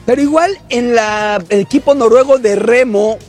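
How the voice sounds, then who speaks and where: A sports journalist with a very high, husky male voice. He lays out his views in a reasoned, explanatory manner during the panel chat, with faint music behind him. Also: moderate pace, a little mellow.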